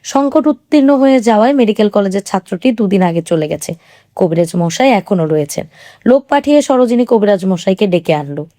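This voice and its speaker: A woman narrating a literary novel as an audiobook, in a calm, even storytelling manner. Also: medium pitch, a little fast, no echo, clean studio sound.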